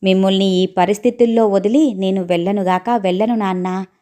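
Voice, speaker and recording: A woman voicing a soft-spoken, pleading young son. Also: mid-range voice, fairly even intonation, fairly quick, natural voice. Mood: insistent. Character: worried young adult son, gentle and emotional.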